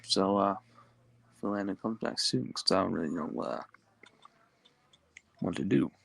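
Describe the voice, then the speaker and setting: A man's voice: low-pitched, measured pace, creaky, a bit bright, dry recording. A young man co-hosting a casual podcast in a rambling way, his speech slightly impeded by the retainer he is wearing. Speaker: podcast co-host.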